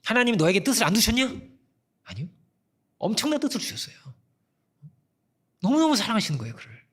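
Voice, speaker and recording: A man preaching a sermon as pastor, telling a story in a conversational way and dropping his voice softly when he quotes people. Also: sits high, wildly swooping pitch, fast talker, breathy edge. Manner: conversational storytelling, quoting people and God in soft asides.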